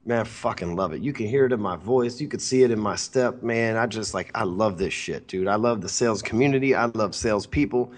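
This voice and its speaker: A man's voice: on the low side, fairly quick, few pauses. A man hosting a sales podcast, talking in a brash, rambling, profane way. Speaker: podcast host. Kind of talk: casual profane podcast talk.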